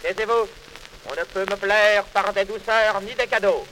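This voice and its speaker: A man's voice: high voice, normal speed, sharp tone, a little hiss or hum, rough recording. A man voicing a stern, scolding old saint who guards the gate of heaven in a recited poem. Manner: gruff, scolding.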